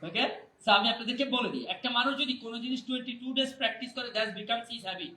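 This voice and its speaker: Male speaking coach, very high and sharp voice, fires questions at a crowd, echoey hall, distant mic. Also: moderate pace, slight background noise. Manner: energetic, keeps quizzing the audience for replies. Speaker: public speaking trainer. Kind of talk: live motivational workshop. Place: hall with a live audience.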